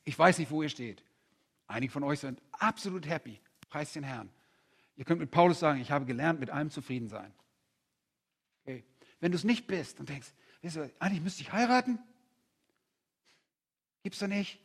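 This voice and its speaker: A male preacher with a husky, fairly high voice gives a lively conference sermon. He fires rhetorical questions at the crowd and slips into quoted voices to make his points. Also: brisk, pauses often.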